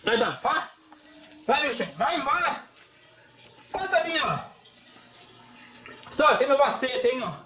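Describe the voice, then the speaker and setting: A woman hosting a casual home vlog, playful and loudly calling out repeated wake-up cries. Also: sits high, sing-song, measured pace, long pauses. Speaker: vlogger host.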